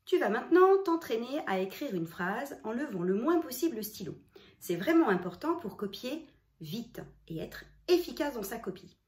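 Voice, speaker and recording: Her voice is on the high side and very animated, at a normal speed, as she shows young children how to form a letter. Each stroke is explained in sequence, spoken directly to the child, and the room sounds roomy and echoey.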